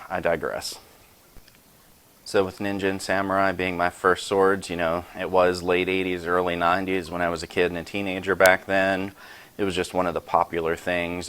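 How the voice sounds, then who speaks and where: Casting note: forties male vlogger, very low voice, rambling, self-deprecating, casual show-and-tell. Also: fairly bright tone, clean tone. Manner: chatty, self-deprecating, rambling asides with sound effects. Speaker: YouTube host showing his sword collection.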